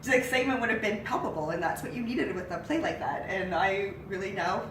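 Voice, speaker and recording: A woman in her thirties, nasal from a cold, co-hosts a casual sports chat from a living-room couch. She talks at a medium pitch, a little fast, chatty and animated when excited. A far camera mic makes the sound roomy, distant and hissy.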